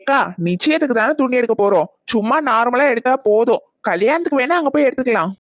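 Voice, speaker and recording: A polite young married neighbor in a cartoon, played by a woman, earnest and chatty. Her voice sits a little high. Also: animated, fast talker.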